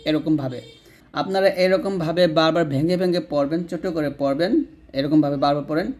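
Speaking in a fairly high, slightly mellow voice with a Bangladeshi Bengali accent, a man teaches Quran recitation slowly by spelling it out, though his pace runs a little fast. He takes each word apart into letters and vowel marks, draws out every syllable, and asks the listener to echo him.

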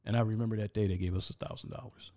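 A man's voice: on the low side, fairly even intonation, very fast, dark tone. A man who is a podcast guest, telling stories from his life in a casual studio chat, earnest and often restarting with repeated words.

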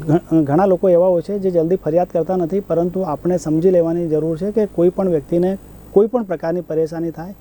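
A man hosts a news discussion. He puts questions to his guest and the viewers in a formal, polite way. His voice is high yet very mellow and dark in tone. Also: fairly even intonation, a little fast, a little hiss or hum, poor audio. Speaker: show host.

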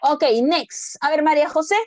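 A woman's voice: high voice, flat delivery, normal speed, dry recording. Patient woman teacher coaxing young pupils. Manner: patient, coaxing, mixes Spanish and English, drills pronunciation. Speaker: English teacher. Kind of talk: online primary class lesson.

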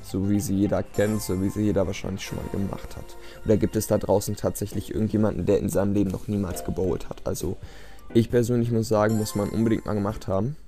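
Game music plays as a man delivers let's play commentary at a quick pace, his lowish voice dark and level in tone. He sounds resigned, rambling casually and making jokes at his own expense.

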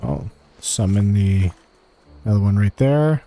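A man gives a casual video game quest walkthrough, thinking aloud in short, offhand remarks as he plays. His voice is on the low side, animated, warm and unhurried.

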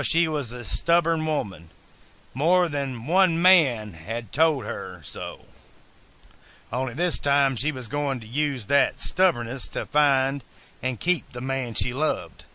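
Slow, bright-voiced male audiobook narrator. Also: mid-range voice. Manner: slow, deliberate reading. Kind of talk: fan audiobook reading.

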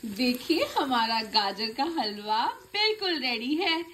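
A bright, lively young woman talks viewers through a home recipe step by step, friendly and chatty. Her fairly high voice rings in an echoey kitchen. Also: slow, slight background noise. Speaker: cooking channel host. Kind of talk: home cooking tutorial.

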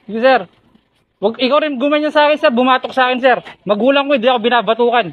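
A man's voice: very high-pitched, steady tone, quick pace. A man working as a delivery rider who pleads politely and keeps calling the customer sir. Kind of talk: tense confrontation filmed on phone. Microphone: phone camera. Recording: tinny phone-like sound.

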